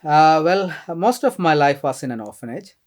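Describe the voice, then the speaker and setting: Guesting on a podcast, this middle-aged Keralite priest with an Indian accent and Malayalam as his mother tongue speaks casually in an interview. His voice is on the high side and expressive at a moderate pace, soft and hesitant with many fillers and frequent laughter.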